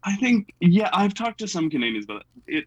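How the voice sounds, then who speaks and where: A husky, high male voice with big pitch swings moves at a moderate pace. He's a young General American speaker from the US, guesting in a casual chat with plenty of fillers and small laughs. There's no room sound, and the highs are cut off.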